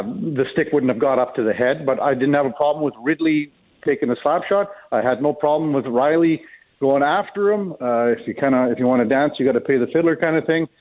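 Over a tinny, narrow line, a medium-pitched man shares folksy, conversational opinions as a guest commentator on a casual sports radio show.

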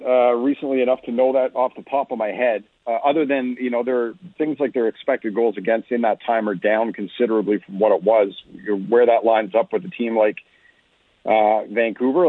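A guest sports analyst, a man with a medium-pitched voice, comes through a narrow, phone-like radio line. He speaks conversationally, explaining his points in a measured way, and the sound is dry with no room echo.

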